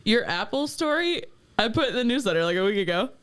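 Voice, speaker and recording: A woman's voice: fairly high pitch, very animated, fast, a bit bright, clear, resonant tone. A woman co-hosting a live podcast, giggly and teasing in casual chat. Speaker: podcast co-host.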